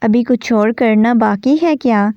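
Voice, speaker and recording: A hot-tempered, possessive young man from a romance novel barks orders, as a woman reader voices him. The delivery is mellow and fairly high, on a dry, dull recording. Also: fairly even intonation, no room sound, lightly acted. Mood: angry. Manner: shouting, commanding.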